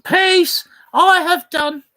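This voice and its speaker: A fond old nurse rambles through her memories, giggling between every thought, as a woman acts her out. Her voice sits very high and her delivery is unhurried and drawn out, like a stage play reading. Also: fairly even intonation, pushed and bright, exaggerated voice. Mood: tender.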